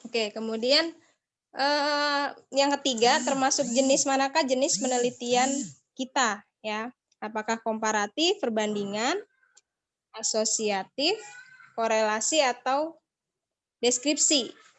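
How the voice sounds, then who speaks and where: A woman's voice: high voice, slow pace, pauses often, a bit bright. A woman explaining material as the speaker of an online lecture on a video call.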